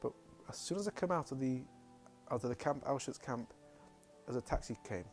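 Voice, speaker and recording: Halting man telling a family story. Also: mid-range voice, expressive, a little mellow, soft background music. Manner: halting, repeats words often. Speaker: speaker recounting family history. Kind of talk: spoken personal testimony.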